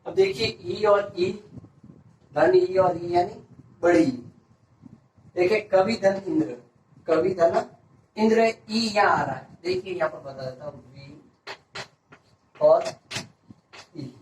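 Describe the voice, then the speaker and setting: A man's voice: high-pitched, darkish tone. A male teacher giving a grammar lesson, asking a question and answering it himself, repeating each answer. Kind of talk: classroom-style grammar lesson. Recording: echoey room, voice from a distance, faint hiss.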